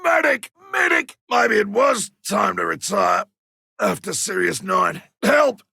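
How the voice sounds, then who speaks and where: Griffin, gravelly old veteran monster hunter. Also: male voice, high-pitched, lively intonation, slow, sharp tone, no echo, heavily acted. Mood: desperate. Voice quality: gruff, gravelly. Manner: colloquial, wry, theatrical. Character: ageing veteran monster hunter, gruff, cocky and stubborn. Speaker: playable game character. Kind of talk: video game combat voice lines.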